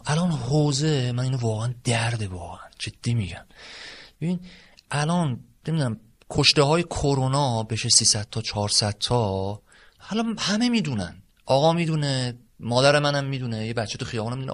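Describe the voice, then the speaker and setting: A man's voice: mid-range voice, a bit bright. A man, a seminary student guest on a podcast, arguing his point with passion and sometimes raising his voice. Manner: impassioned, argumentative, voice rising at times. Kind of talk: podcast discussion.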